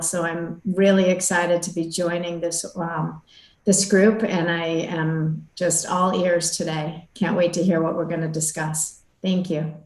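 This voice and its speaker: A woman's voice: on the low side, darkish tone, echoey room, rough recording. A woman council member introducing herself at an online meeting, upbeat and chatty. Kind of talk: self-introduction at a virtual meeting.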